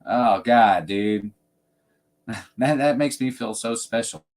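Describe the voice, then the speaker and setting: A man's voice: mid-range voice, takes it slowly, a little mellow. A man hosting a fragrance livestream, chatting casually and rambling with frequent laughs. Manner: laid-back, rambling, laughs often. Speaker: fragrance channel host.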